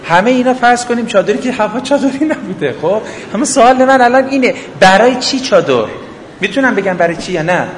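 A man's voice: sits high, expressive, slight background noise. A man giving a religious lecture, firing off rhetorical questions and acting out short everyday dialogues. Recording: echoey hall, faint ambience.

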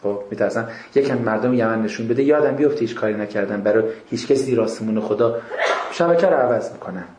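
A middle-aged man preaching to an audience, impassioned, swinging between hushed and raised voice and firing rhetorical questions at his listeners. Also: fairly low pitch, noisy background. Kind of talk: religious lecture to an audience. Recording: echoey lecture room.

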